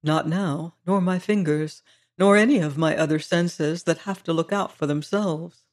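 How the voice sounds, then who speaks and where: A man reading the part of a genial, suave blind gentleman in an audiobook, speaking quietly and thoughtfully with a slightly higher voice. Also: unhurried, natural voice.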